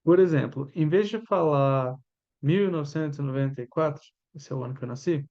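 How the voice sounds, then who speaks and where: A Brazilian man in his thirties with a Brazilian Portuguese accent, an English teacher giving a chatty lesson and drilling pronunciation with slow repeats. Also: a little high, darkish tone, highs cut off. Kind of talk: informal language lesson.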